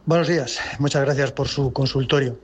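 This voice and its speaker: A man's voice: medium pitch, fairly even intonation, fairly quick, highs cut off, slight background noise. Man on a played-back voice message. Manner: polite and formal. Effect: played-back recorded voice message. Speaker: listener sending a question. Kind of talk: voice note to a radio call-in show.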